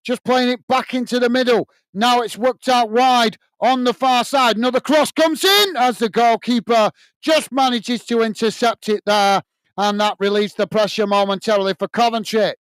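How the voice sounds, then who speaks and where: A British man calls a match at normal speed for his fan channel, giving live watch-along play-by-play in a steady running commentary and addressing viewers as "guys." His high voice is smooth and clear but tired and turning hoarse, recorded close and dry with no room sound.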